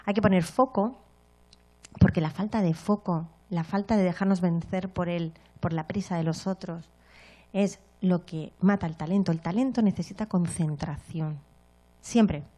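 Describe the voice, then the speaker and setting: A woman's voice: on the low side, moderate pace. Spanish woman giving a motivational talk. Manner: storytelling, frequent tag questions, lively acted-out moments.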